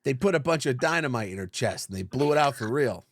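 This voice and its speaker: A man's voice: medium pitch, expressive, fast talker, dry recording, studio quality. A man co-hosting a podcast, chatting about films with wry, joking quips. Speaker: podcast co-host. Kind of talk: casual film discussion.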